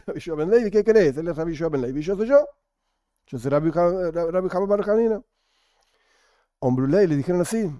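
A man teaching a Talmud study class. He reads the Aramaic slowly and then explains it casually. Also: a little high, dark tone, no room sound, studio quality.

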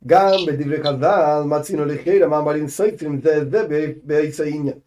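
A man teaching a Torah text in a lively study session, acting out the quotes with big jumps in pitch. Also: a little slow, slight background noise.

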